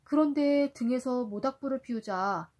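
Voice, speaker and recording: A woman reading a picture book aloud to a toddler in an expressive storytelling style. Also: sits high, moderate pace.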